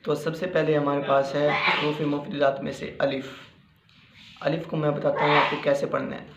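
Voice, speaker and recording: A man from Pakistan teaching Quran reading in a slow spoken lesson, patiently repeating each point and sounding out the letters. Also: on the high side, little pitch movement, creaky, very noisy. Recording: muffled echoey room recording.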